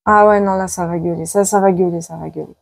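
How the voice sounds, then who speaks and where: Her voice is lowish and gravelly, fairly even in intonation and quick, on a dry recording. As a psychic in a live tarot video, she makes dramatic card-reading predictions, repeating her words, exclaiming a lot, and sounding tired from the heat.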